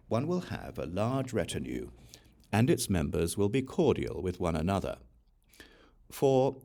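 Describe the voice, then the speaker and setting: A low-voiced man reads a scripture audiobook slowly and deliberately, pausing clearly as he enumerates each point. Even so, his pitch rises and falls with lively inflection in this measured reading.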